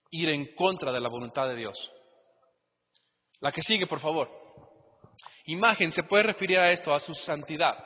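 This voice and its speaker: Man, Mexican Spanish accent, pastor's sermon, high bright husky voice, muffled church hall with long echo. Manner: lively, conversational preaching with rhetorical questions.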